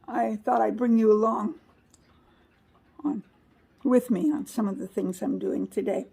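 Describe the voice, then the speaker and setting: Gravelly homey woman vlogger. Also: mid-range voice, fairly even intonation, unhurried, dark tone, rough recording. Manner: rambling, homey, self-correcting. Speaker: home gardening vlogger. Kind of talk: casual chatty vlog. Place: indoor plant room with newspaper on carpet. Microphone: camera mic set up nearby.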